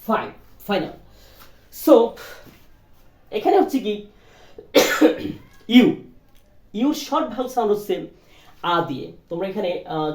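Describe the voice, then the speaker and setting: Spelling words out one letter at a time, a high-pitched man with a darkish tone teaches English reading, switching between Bengali and English phrases and frequently asking "right?" He coughs occasionally, and the distant mic makes the lesson sound roomy.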